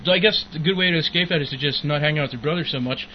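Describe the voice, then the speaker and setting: Crude young guy ranting on a podcast, kinda high voice, swears a ton, muffled lo-fi recording with faint hiss. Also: very fast. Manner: profane, laughs often, rambling. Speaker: podcast co-host. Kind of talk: crude casual chat.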